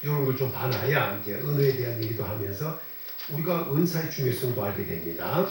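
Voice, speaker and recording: A man preaches a sermon in a chatty, questioning way, stressing points by repeating himself. His pitch moves about a lot. He sounds far from the microphone in a strongly echoing church. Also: expressive, fairly quick, slight background noise. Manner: conversational preaching with rhetorical questions; repeats phrases for emphasis. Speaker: pastor. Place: church sanctuary. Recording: very echoey and distant from the mic.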